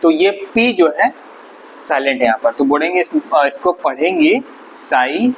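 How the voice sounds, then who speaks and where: A man with a slightly high voice gives an English pronunciation lesson. He explains patiently, repeating and spelling out each word. Faint background noise runs under the recording. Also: sing-song, moderate pace, low-quality recording. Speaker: English teacher. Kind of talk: spoken vocabulary lesson.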